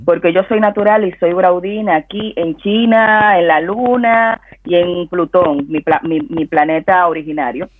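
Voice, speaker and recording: A man from the Dominican Republic, a guest on a radio talk show, calmly explaining and giving advice. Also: high-pitched, measured pace, hardly any pauses. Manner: calm, explanatory, gives advice. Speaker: guest expert. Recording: tinny phone-line audio with faint music.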